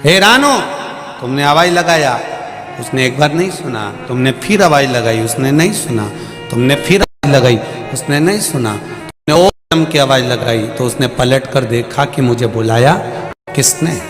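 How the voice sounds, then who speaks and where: A man preaching a devotional sermon to a large live gathering, animated and exhorting with folksy humor, on a stage microphone. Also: medium pitch, normal speed. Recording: reverberant hall with music.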